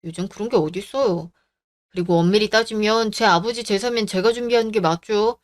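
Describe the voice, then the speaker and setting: An actor playing a firm young husband in a radio drama, calmly reasoning and standing up for his wife. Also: high-pitched, brisk, natural voice. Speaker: husband and son.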